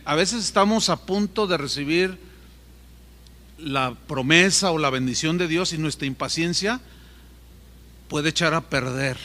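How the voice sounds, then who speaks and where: A middle-aged male pastor preaching a sermon, telling a story with animated asides to the congregation. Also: fairly high pitch, in a large hall.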